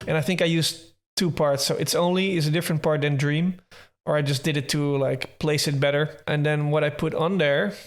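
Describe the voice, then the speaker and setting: Relaxed, fairly high-voiced man explaining. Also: moderate pace. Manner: relaxed, thinking aloud, with small restarts and hedges. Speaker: music producer explaining his track. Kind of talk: casual tutorial talk from a livestream.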